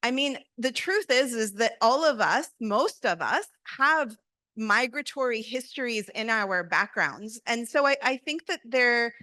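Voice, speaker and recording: Young woman panelist, bright crisp voice, dry close mic, lots of rhetorical questions. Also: on the high side, expressive, measured pace, dry recording. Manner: reflective, poses many rhetorical questions. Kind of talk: conference panel answer. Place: large conference hall stage. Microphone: handheld mic.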